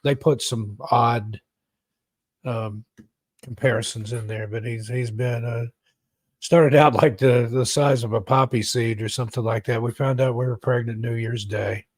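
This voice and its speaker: A man chats loosely with his live-stream viewers, wandering from thought to thought with plenty of fillers and the odd clearing of his throat. His voice sits in an ordinary middle pitch, and it is recorded close and dry with no room sound. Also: fairly even intonation, measured pace, dry recording. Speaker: live stream host and storyteller. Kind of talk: casual live-stream chat.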